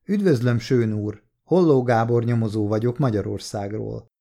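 A man's voice: mid-range voice, vocal fry, close to an everyday voice. A man reading a polite, probing detective. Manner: courteous, gently probing questions. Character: polite, persistent male police detective.

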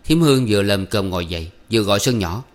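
A man narrating a story in a steady, even way. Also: fairly low pitch, fast talker. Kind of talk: audiobook narration.

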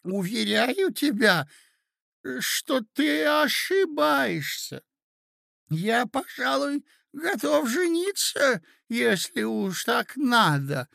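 A man's voice: extremely high pitch, sing-song, extremely slow, creaky, sharp tone, no room sound, clean studio sound, pitched above the performer's own voice, exaggerated voice. A man voicing a frail, muddled elderly prince who speaks in a quavering, plaintive way. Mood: fretful. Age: older.

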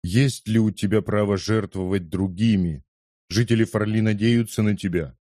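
A man voicing a persuasive conspirator in an audiobook, steady and insistent as he urges. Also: lowish voice, moderate pace, no room sound, clean studio sound, lightly acted. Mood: urging. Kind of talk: audiobook character voice.

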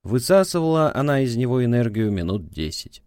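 A man reading an audiobook in a measured, dramatic narration style. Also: medium pitch, sing-song, darkish tone, smooth, no echo, studio quality. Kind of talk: scripted narration.

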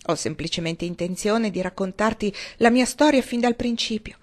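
A woman's voice: mid-range voice, moderate pace, natural voice. A woman reading an audiobook voices an earnest young husband who pleads and explains with urgency, keeping close to her own voice. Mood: explaining.

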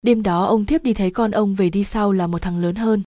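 Woman with a mellow, dry narrating voice. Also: mid-range voice, steady tone, normal speed, no echo. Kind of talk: storytelling narration.

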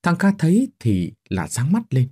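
A man narrating a dramatic story in an expressive reading style. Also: mid-range voice, normal speed, husky.

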